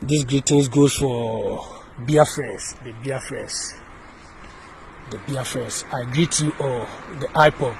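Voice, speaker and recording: A man's voice: mid-range voice, takes it slowly, creaky, background noise. A man from Ghana with a Ghanaian accent delivering an impassioned video message, repeating his points and often restarting his sentences. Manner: repetitive, emphatic, with many restarts. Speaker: activist speaking to camera.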